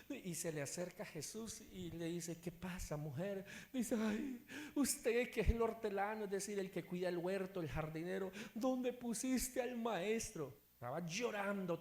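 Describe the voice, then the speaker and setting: A man with a Colombian Spanish accent preaching a sermon as pastor, animated and acting out the voices in his stories. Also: a little high. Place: church hall. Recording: echoey church hall.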